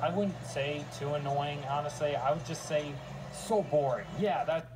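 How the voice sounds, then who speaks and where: A tired, exhausted man ranting in a halting way, full of fillers and restarts, just after leaving work. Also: a little high, music in the background, poor audio. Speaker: ranter answering critic. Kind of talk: casual rant.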